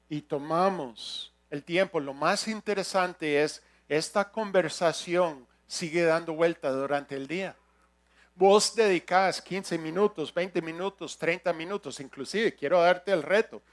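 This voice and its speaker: High-voiced, slow-preaching man. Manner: earnest, emphatic preaching with swings in loudness. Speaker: pastor. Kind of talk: sermon.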